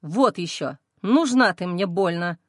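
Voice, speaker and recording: A woman voicing a hostile, scornful young man in an audiobook, speaking lower and sneering. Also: expressive, normal speed, no echo, clean studio sound, natural voice. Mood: hissing. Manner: sneering, snappish.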